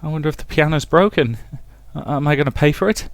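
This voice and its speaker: Voicing an anguished young woman consumed by fear and guilt, a man dramatically reads visual novel lines, pleading and stammering in an anxious, hurt tone. He talks fast, raising his pitch slightly above his natural voice while keeping it near everyday speech. The recording is dry.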